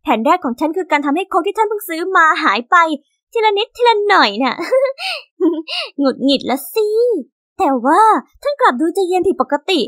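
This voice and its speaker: A young woman narrating an animated story in a chatty, exasperated teen manner. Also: very high-pitched, a little fast, no echo, studio quality.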